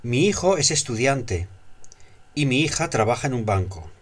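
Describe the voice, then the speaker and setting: Male phrase reader for a language course, husky, animated pitch, scripted short dialogue lines. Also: moderate pace.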